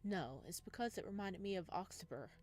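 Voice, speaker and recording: A woman's voice: mid-range voice, expressive, brisk, a little mellow. A woman let's player reading visual novel narration aloud and breaking off into casual commentary. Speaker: let's play streamer. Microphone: wearing headphones.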